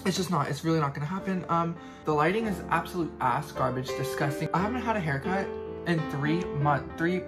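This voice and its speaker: A young man chats in a casual vlog, dramatic and self-mocking, swearing frequently. His voice is a little high and fairly quick. Loud guitar music plays in the background.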